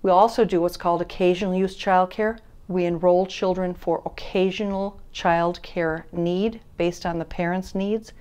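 In a classroom at a child care center, a child care services director, an older Wisconsin woman, delivers an interview statement on camera. Her low voice is smooth, and her explanation is formal, measured and even.

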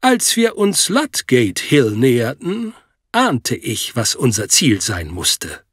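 A man's voice: mid-range voice, huge pitch swings, takes it slowly, husky, dry recording, studio quality. A man narrating an audiobook story in the first person. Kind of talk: scripted narration.

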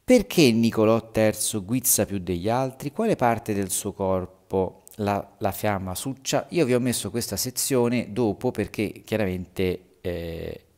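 Male teacher, deep gravelly voice, halting explanations, verses read slow and stressed. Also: expressive, a little mellow. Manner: halting explanation, reads verses slowly with raised emphasis. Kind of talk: literature lesson going over homework answers.

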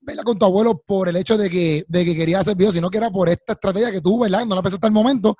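A man's voice: sits high, rapid-fire, warm tone, no room sound. A man, hosting an interview in an eager, affirming way, repeating his words. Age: 30s. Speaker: host. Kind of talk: casual interview chat. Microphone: studio mic with headphones.

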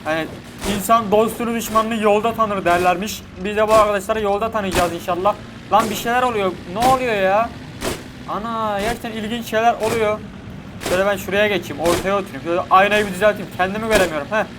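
A man giving chatty, excitable let's-play commentary to his viewers. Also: high-pitched, fast. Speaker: gaming YouTuber. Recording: game audio and vehicle noise behind.

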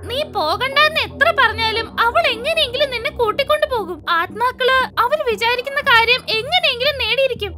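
A woman's voice: very high-pitched, fairly quick, hardly any pauses. A woman voicing a superstitious young friend who warns of spirits. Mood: warning. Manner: earnest, alarmist. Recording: loud music behind voice.

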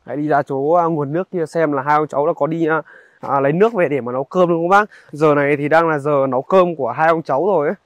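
A man's voice: on the high side, no echo. Young man. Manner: halting, conversational, addresses viewers directly. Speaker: vlogger. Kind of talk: casual on-location narration to viewers. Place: outdoors in a highland village.

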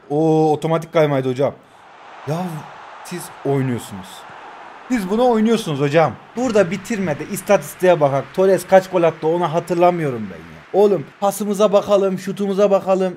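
Excitable young man commentating his match. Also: a little high, a little hiss or hum. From Turkey. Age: 20s. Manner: excitable, shouts player names, talks to viewers. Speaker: mobile football gamer. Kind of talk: live gameplay commentary. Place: new home at night, keeping voice down.

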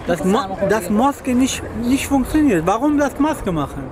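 Passer-by, man, fairly high voice, broken halting speech, crowd noise behind. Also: expressive. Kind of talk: street interview answers. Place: busy city square outdoors.

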